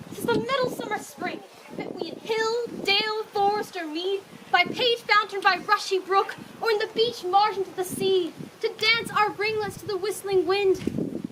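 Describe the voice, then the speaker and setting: A woman's voice: extremely high pitch, heavy background noise. A woman playing a proud, jealous fairy queen in hammy, declamatory Shakespearean stage style. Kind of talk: theatrical Shakespeare stage performance.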